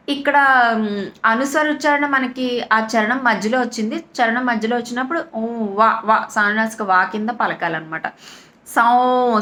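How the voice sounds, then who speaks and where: A woman teaching verse recitation, chanting slowly and then explaining pronunciation quickly and softly. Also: a little high. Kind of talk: slow chanting lesson with spoken explanations.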